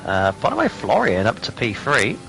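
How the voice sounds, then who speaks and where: A man's voice: mid-range voice, huge pitch swings, normal speed, gravelly, a little hiss or hum. A man commentating a sim racing league broadcast, joking and laughing with his co-commentator. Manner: jokey, laughs often, teasing banter. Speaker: race commentator. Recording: commentary over loud background music.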